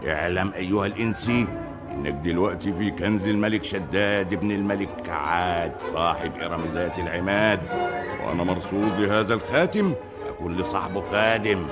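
Man acting a roaring deep genie of the ring. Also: brisk, close to an everyday voice. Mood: imperious, booming. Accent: Egyptian. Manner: roaring, grandiose declaiming. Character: booming male genie servant of a magic ring, obedient yet imperious. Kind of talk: old radio drama acting. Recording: muffled old radio recording under loud music.

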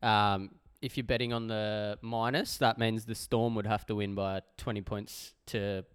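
A man's voice: on the low side, level tone, measured pace, smooth, dry recording, studio quality. A man with an Australian accent co-hosting a podcast in casual, laid-back, matey chat. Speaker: podcast co-host.

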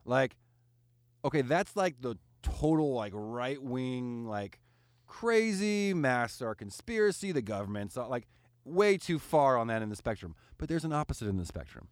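Animated man in casual chat, dry mic. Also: medium pitch, moderate pace, dry recording. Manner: animated, rambling with fillers and restarts.

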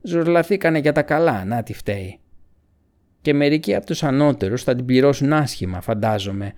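A man putting on a sneering orc tracker from a storybook, higher and louder than the narration, rough gravelly throat, scornful and quick to yell. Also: animated, close to an everyday voice. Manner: mocking, grumbling, flaring into shouts. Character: snarling male orc tracker, bitter and insolent.

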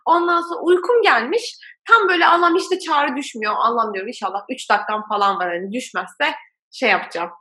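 A young woman chatting casually, telling a story about her old call center job in an animated way and laughing often. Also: high-pitched, quick pace. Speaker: former call center worker.

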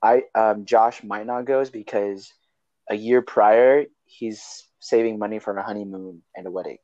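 A man's voice: fairly low pitch, steady tone, normal speed, a little mellow, no echo. A young man hosting a podcast in casual chat, joking and laughing often as he rambles. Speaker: podcast host. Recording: slightly dull, dry sound.

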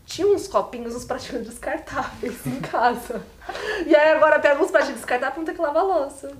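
Young Brazilian woman co-host, high voice, animated and self-mocking, echoey space. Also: quick pace, slight background noise. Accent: Brazilian Portuguese. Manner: expressive, laughing storyteller. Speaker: podcast co-host. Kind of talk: casual podcast chat. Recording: echoey room.

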